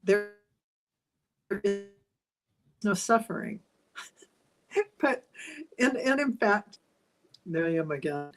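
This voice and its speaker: A woman's voice: medium pitch, big pitch swings, slow, long pauses, soft background music. An older woman speaking in a casual spiritual chat in an earnest, teaching tone, her audio choppy and cutting out over a remote call.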